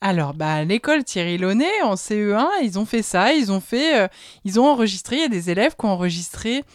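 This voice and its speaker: A woman hosting a children's program, chatting with a young guest in a bright, encouraging, rambling way. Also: mid-range voice, very animated, fairly quick, dry recording, studio quality. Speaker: children's show host. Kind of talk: casual chat with a child.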